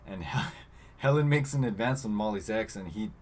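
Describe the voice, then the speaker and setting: A man's voice: fairly low pitch, expressive, moderate pace. A man co-hosting a podcast, casually retelling a movie plot with lots of "like" and loosely acted-out quotes. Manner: retells scenes loosely, acting out quotes with filler words. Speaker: podcast co-host. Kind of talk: casual movie recap chat.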